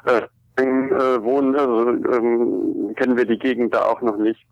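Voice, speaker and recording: A man's voice: medium pitch, little pitch movement, normal speed, dry recording, highs cut off. A man giving casual, courteous and somewhat hesitant help to a caller on the phone. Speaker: person answering an enquiry by phone. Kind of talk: casual, helpful phone talk.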